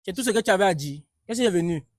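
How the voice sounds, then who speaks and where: A man plays a young man caught off guard and furious, firing off words in a fast, high voice. He repeats himself insistently and will not let the accusation go. The sound is dry and close. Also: expressive, dry recording. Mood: angry, defensive. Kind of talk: staged street-interview skit.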